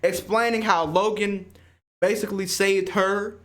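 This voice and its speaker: A man hosting a casual spoiler review of a film, excitable and slangy, swearing freely and often laughing. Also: high voice, measured pace. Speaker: movie reviewer and host.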